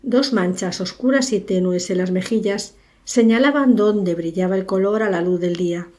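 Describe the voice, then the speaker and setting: Warm-voiced woman narrating an audiobook. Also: medium pitch. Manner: measured, unhurried storytelling. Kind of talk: scripted literary narration.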